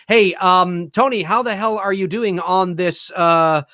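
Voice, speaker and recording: A man's voice: high voice, fairly even intonation, a little slow, bright, forceful tone, dry recording, studio quality. A man in his late thirties co-hosting a live online chat show over a video call, rambling with lots of fillers and restarts. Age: 30s. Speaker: co-host. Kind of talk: casual live-stream chat.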